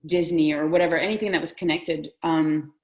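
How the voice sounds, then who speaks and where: A woman's voice: deep voice, fairly even intonation, a little fast, low-quality recording. A woman from the Soviet Union in a casual film discussion, talking thoughtfully and hedging her opinions. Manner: thoughtful, hedging, restarts often. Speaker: discussion guest.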